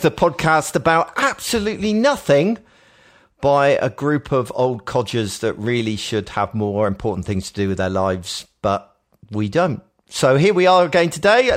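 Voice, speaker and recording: A man hosting a casual podcast, wry and self-deprecating. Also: medium pitch. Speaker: podcast host. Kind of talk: casual chat.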